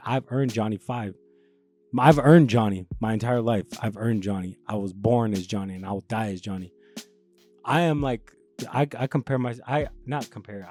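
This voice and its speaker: A man's voice: mid-range voice, mellow. A young man from the Los Angeles area, hosting a casual chat, rambling with many restarts and plenty of swearing. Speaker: podcast host.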